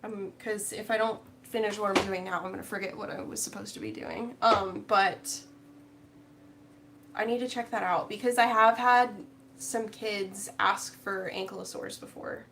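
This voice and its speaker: A woman's voice: medium pitch, steady tone, normal speed, background noise. A woman chatting casually with live viewers while she crochets, rambling and reading out their comments. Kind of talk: casual crochet-along chat.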